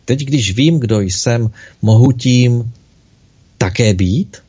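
A man voicing a tiny, eager female soul in a spoken storybook, raising his voice to sound excited. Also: medium pitch, breathy edge, pitched above the performer's own voice, close to an everyday voice. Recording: dull lo-fi recording.

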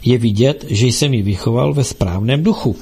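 A man's voice: a little mellow, slightly rough. A man doing a whining, panicky prisoner. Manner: whining, high-strung and pleading. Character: panicky fawning middle-aged male prisoner.

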